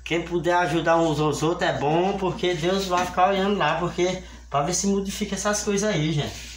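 An older Brazilian man with a fever, his voice sitting high at a moderate pace with a slight hiss or hum, rambles and pleads with viewers while cleaning a small home kitchen. A family channel vlogger with a Brazilian Portuguese accent, he repeats himself in this casual appeal, filmed on a phone propped on the counter. The kitchen echoes, with faint ambient sound.

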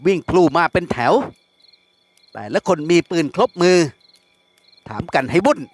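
A man narrating a novel aloud in a lively storytelling manner. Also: high-pitched, normal speed, dry recording.

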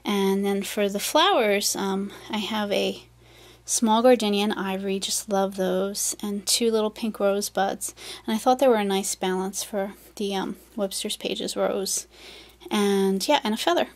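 Gushing soft-spoken woman crafter. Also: medium pitch, fairly even intonation, a little slow. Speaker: craft vlogger. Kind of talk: casual show-and-tell.

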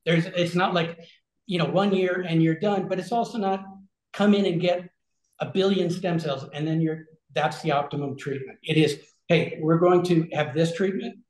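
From a small, echoey room with shelves, a regenerative health concierge in his forties chats over his webcam, giving a lengthy, casual explanation full of fillers and restarts while gesturing. His voice is somewhat high with a darkish tone, fairly even intonation, and a moderate pace.

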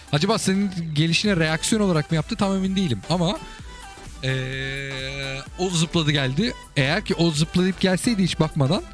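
A man hosting casual commentary over viewers' game replays, chatty and asking the listener again and again whether they get it. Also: on the high side. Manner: chatty, keeps asking "you get it?" and calling the listener brother.

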